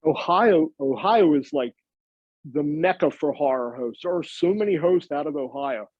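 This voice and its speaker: A man's voice: on the high side, animated, moderate pace, dry recording. A middle-aged or older American man chatting casually as an interview guest. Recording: slightly dull, lo-fi sound.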